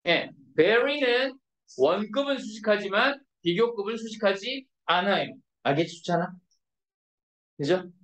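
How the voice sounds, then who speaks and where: A woman teaches grammar to a room of students, peppering every point with quick questions to check they follow. Her voice sits at an ordinary pitch. It reaches the mic from a distance, with the hollow echo of a bare classroom around it. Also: lively intonation. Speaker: English teacher. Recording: echoey classroom from far off.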